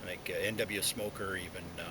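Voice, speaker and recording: A man chatting casually and reflectively to viewers outdoors, in a halting way, talking around a pipe in his mouth. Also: fairly even intonation. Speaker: pipe smoking video blogger. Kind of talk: casual solo chat to viewers. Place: outdoors, sitting inside a hollow tree. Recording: noisy outdoor recording with low rumble.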